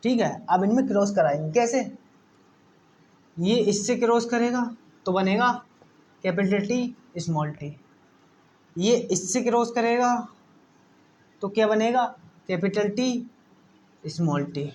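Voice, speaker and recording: A man's voice: high voice, lively intonation, slow pace, pauses often, a little mellow, slight background noise. A man teaching a science lesson, often repeating words and asking the class questions. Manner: repetitive, asks the class questions.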